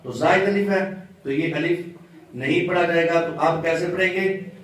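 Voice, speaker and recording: A man teaching Quran recitation in a patient, step-by-step way, chanting example words slowly. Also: fairly high pitch, fairly even intonation, fairly bright tone, heavy reverb, distant mic, a little hiss or hum, rough recording. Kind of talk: slow religious lesson with chanted examples.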